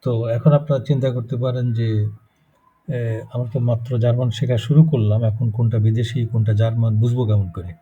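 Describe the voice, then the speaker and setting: This mid-range male voice is fast, flat in delivery and slightly rough, belonging to a Bangladeshi Bengali-accented teacher of German pronunciation. In a live class he explains step by step and checks in with students, captured in a muffled lo-fi recording.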